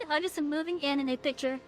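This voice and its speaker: High woman's voice from an AI voice changer. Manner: stumbles over words, restarts sentences. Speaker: game streamer. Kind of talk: casual livestream chat while playing.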